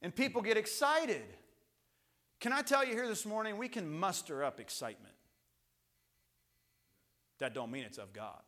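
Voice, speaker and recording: Man, middle-aged pastor, Baptist sermon in church, high voice, bright and piercing, loud highs and hushed lows, repeats words. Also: expressive, moderate pace, long pauses. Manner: impassioned preaching, swinging from loud highs to low hushed lines. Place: church sanctuary.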